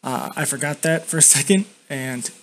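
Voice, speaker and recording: A man's voice: medium pitch, normal speed, fairly bright tone. Man, young adult, casual blunt reviewer, dip-packed lip, faint background noise. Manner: talks with a lip full of dip; blunt, casual, frequently swearing. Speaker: YouTube reviewer. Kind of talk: casual screen-recorded software review. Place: indoors at a home computer.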